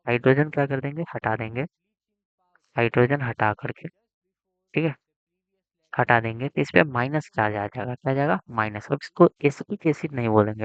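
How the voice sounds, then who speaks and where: A man of middle pitch teaches an exam chemistry lesson, putting questions to his students and answering them himself. His voice is smooth and resonant. The recording is dry and somewhat dull. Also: no echo.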